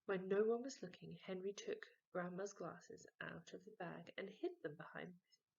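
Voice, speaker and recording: Woman reading a children's storybook, slow and gentle, low voice, dull lo-fi sound. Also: creaky. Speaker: storybook reader. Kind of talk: children's story read aloud.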